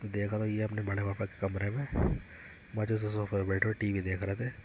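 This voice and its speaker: A man's voice: lowish voice, completely flat delivery, a little fast, heavy background noise. A man, a father, casually narrating a home vlog about his young sons in a chatty storytelling way. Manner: chatty storytelling, retelling the kids' antics.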